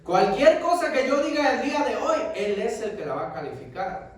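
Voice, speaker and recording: A man preaching as a pastor, swinging between loud, forceful peaks and hushed, intimate asides. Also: very high-pitched, sing-song, moderate pace. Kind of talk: sermon. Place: church sanctuary. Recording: echoey church hall, mic far off.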